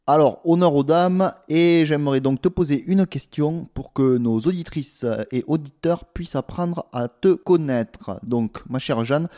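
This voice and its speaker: A man's voice: on the high side, warm tone. A man co-hosting a casual podcast, chatty and playful as he leads the conversation. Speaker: podcast co-host.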